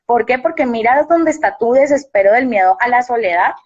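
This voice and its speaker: Young woman, earnest and reflective, slightly high voice, muffled live-stream sound. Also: animated, brisk, breathy edge. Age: young adult. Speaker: university teacher and guest. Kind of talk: casual live-stream chat.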